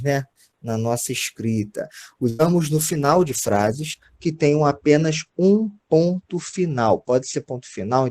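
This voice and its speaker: Brazilian male teacher, patient and talking straight to his class, voice a touch high. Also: dark tone. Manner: explains patiently, often checks in with "tá certo?" and "gente". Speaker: Portuguese teacher. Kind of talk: recorded grammar lesson.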